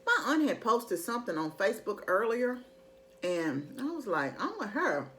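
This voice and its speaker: A woman's voice: mid-range voice, big pitch swings, moderate pace. A middle-aged woman in casual, rambling chat to her viewers, conversational and emphatic when she makes a point. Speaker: mukbang vlogger.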